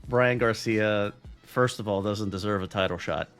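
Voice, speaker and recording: A man's voice: on the low side, normal speed, a bit bright, soft background music. A man co-hosting a boxing podcast in loose, profane casual chat, laughing often. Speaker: podcast co-host.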